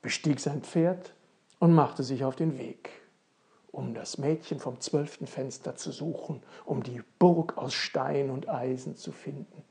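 Slow, gravelly fairy-tale storyteller. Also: medium pitch. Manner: slow, with soft whispered stretches.

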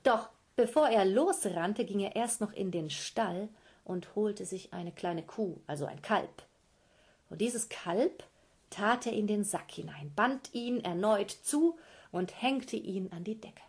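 A woman storyteller reads a fairy tale aloud to children in a slow, unhurried way. She talks to her young listeners directly and keeps the telling lively. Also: medium pitch, breathy edge.

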